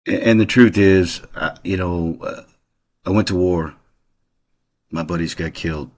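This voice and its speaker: A middle-aged channel host rambles casually about his family history in a personal monologue, full of fillers and restarts. His voice is deep and darkish, and he speaks unhurriedly.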